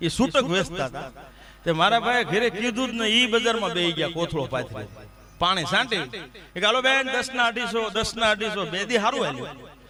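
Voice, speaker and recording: High-voiced man telling jokes on stage. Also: moderate pace. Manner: animated joke-telling with quoted dialogue. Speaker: dayro storyteller. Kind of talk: live comic folk storytelling. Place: stage before a live crowd. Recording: live stage recording with crowd. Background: crowd.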